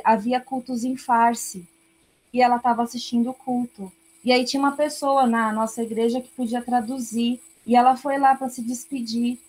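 A woman missionary telling a lively testimony, acting out the voices in her story. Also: fairly high pitch, low-quality recording. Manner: animated, acts out her own lines. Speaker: missionary guest.

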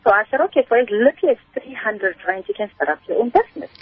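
Slightly high and fast-talking, with lively intonation, a breathy edge and no room sound, this South African woman from Kimberley is a spice business entrepreneur. She's a radio interview guest over a narrow phone line, answering conversationally with long, narrative explanations.

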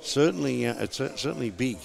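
A man's voice: mid-range voice, lively intonation, fairly quick, vocal fry. A man with an Australian accent hosting a casual podcast chat in a laconic, drawling country manner. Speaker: podcast host.

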